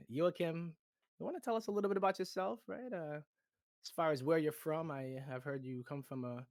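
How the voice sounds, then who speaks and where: A man's voice: on the high side, fairly bright tone, no echo. A man hosting a casual livestream interview, chatty, upbeat and teasing. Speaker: community host.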